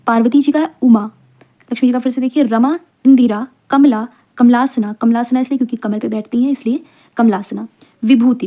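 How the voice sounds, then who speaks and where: A woman teaching an exam-prep lesson, reading out long lists of words one by one with quick explanatory asides. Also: on the high side, dark tone.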